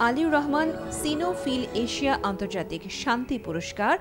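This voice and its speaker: A woman with a Bangladeshi accent narrates a scripted documentary over a clear bed of background music. Her voice sits high and sounds sing-song, and she reads briskly.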